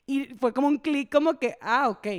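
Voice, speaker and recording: A young woman from Venezuela co-hosts a podcast, frank and chatty and quick to laugh. Her voice sits high. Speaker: podcast co-host. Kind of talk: casual chat.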